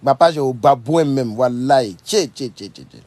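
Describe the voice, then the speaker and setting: A man giving casual, animated commentary to his followers. He repeats himself often and laughs as he talks. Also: medium pitch, moderate pace, no echo. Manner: animated, repetitive, laughs often while talking. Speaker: online political commentator.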